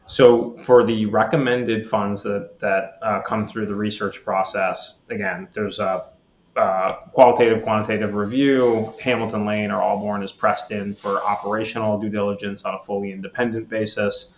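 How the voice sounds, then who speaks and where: A man being interviewed as a guest on a podcast, explaining in a measured way with lots of fillers and restarts. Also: on the low side, flat delivery, reverberant, muffled recording, slight background noise. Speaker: guest, platform executive.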